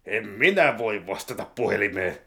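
A man voicing a calm, scheming gang boss in a comedy sketch, speaking slowly with flat menace. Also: gravelly, very noisy. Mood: deadpan. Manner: low, slow, flatly menacing. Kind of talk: comedy sketch role-play.

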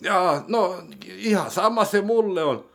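A man putting on a squeaky, fretful whiner. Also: gravelly, fairly bright tone, heavily acted. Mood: whiny. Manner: high, complaining, anxious questions. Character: fretful, whiny, easily worried man. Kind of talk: comedy sketch role-play.

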